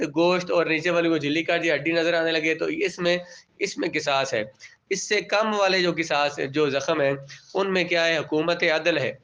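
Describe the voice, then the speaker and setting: A man's voice: fairly high pitch, fairly bright tone. A male teacher from Pakistan giving a classroom lecture. He reads out Arabic terms and explains each one in plain everyday words, often asking the class a question and then answering it himself. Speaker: religious studies teacher. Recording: dull lo-fi classroom recording.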